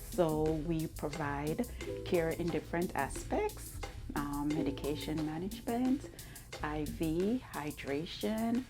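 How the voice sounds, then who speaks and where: A middle-aged woman from Jamaica, giving measured, reflective answers in an interview about her wellness business. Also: low voice.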